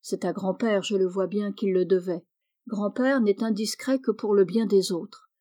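An impatient teenage boy eager to see the world, read aloud by a woman, speaking with excitement. The voice stays warm and mellow at a middle pitch. A storybook reading. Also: moderate pace, close to an everyday voice. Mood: restless.

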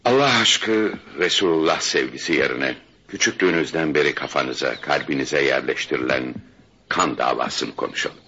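A gravelly old spiritual guide. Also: male voice, pushed and bright, slight background noise, full character voice. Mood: calm probing. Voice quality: gravelly, deep. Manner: slow, soothing, authoritative. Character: wise elderly male spiritual guide, calm and commanding. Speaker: radio drama actor. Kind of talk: 1970s-style Turkish radio theatre acting. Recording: muffled archival radio recording.

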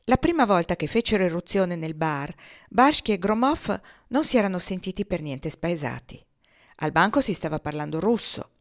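Lady reading a novel out loud, lowish voice, measured and expressive. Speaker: reader.

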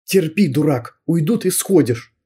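A man's voice: on the high side, lively intonation, measured pace, mellow, breathy edge, voice pushed up. A man voicing a bold, bossy schoolgirl who mocks her friend, in an audiobook. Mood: urgent hushed. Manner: mocking, bossy. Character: bold teasing schoolgirl, the narrator.

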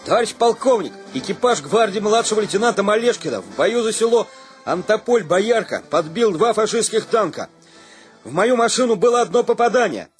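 A man voicing an earnest young junior lieutenant who gives a crisp, formal military report. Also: high-pitched, big pitch swings, brisk, soft background music, voice pushed up.

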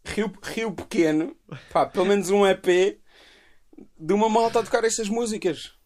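Young guy w high voice, chatting about music with mates, slangy, keeps restarting his sentences. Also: normal speed. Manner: slangy, animated explaining with repeated starts. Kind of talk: casual music chat among friends.

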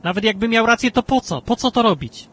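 A male talk radio host chatting about politics in an animated, rambling way, with emphatic bursts and frequent restarts. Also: fairly quick, breathy edge. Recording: low-bitrate talk radio stream with faint music.

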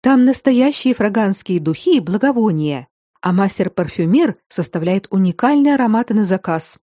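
A woman voicing a bold, playful young noblewoman with a brisk, theatrical manner. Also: medium pitch, lively intonation, mellow, no echo, clean studio sound, natural voice.

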